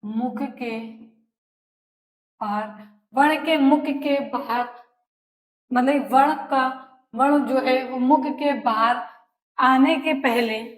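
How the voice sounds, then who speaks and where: A woman teacher giving a lesson, repeating each phrase slowly for students to write down and answering her own questions. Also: high-pitched. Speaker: Hindi teacher. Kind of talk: classroom lesson, dictating notes. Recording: echoey room.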